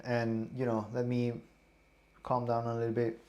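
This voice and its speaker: A young man, tipsy and queasy, rambling casually in a vlog with halting repeated words. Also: mid-range voice, monotone, warm tone, dull audio. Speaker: streamer. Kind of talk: casual vlog, taste testing.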